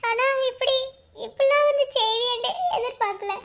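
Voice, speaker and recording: Brief: a woman playing a high, bright, bossy Madurai village woman for a cartoon. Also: moderate pace, a little hiss or hum. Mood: tender. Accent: Madurai Tamil. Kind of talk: cartoon voice acting.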